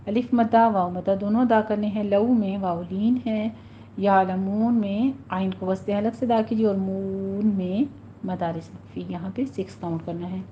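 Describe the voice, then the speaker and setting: A woman teaching Quran recitation rules, with a Pakistani Urdu accent, speaking patiently and drawing out example words slowly to demonstrate. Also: medium pitch. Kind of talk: tajweed lesson, explaining and demonstrating recitation. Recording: dull lo-fi recording with faint hiss.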